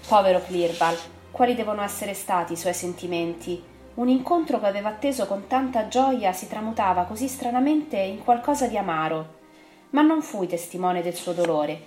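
A woman reads a classic novel aloud in the first person. Her reading is measured and expressive. The room is roomy, with faint music playing quietly beneath her. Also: mid-range voice. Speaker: audiobook reader.

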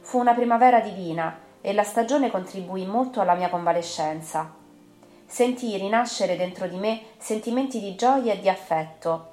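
A woman reads a classic novel aloud in the first person. Her reading is measured and expressive. The room is roomy, with faint music playing quietly beneath her. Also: medium pitch. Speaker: audiobook reader.

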